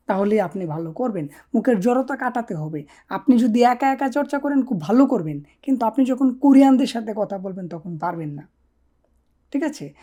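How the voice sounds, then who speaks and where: A woman teaching a casual online language lesson, with a mellow, warm-toned voice at a middling pitch. She coaxes her learners along, keeps checking that they follow, and slows right down whenever she models a practice sentence. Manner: coaxing, repeats "ঠিক আছে?" to check on learners.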